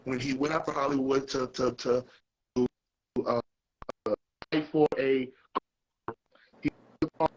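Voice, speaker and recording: A man's voice: mid-range voice, fairly even intonation, slow, pauses often, dull audio. A man speaking as a guest in an interview over a video call, his audio breaking up and cutting out mid-sentence as he repeats himself in a motivational way. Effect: choppy, breaking-up video call audio.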